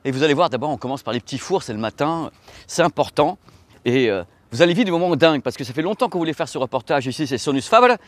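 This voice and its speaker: A fairly high-voiced man hosting a factory-tour vlog. He jokes and exclaims with excitement as he walks through the site. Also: fast, no echo. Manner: enthusiastic, joking, exclamatory. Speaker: video host. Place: walking indoors and outdoors at a factory.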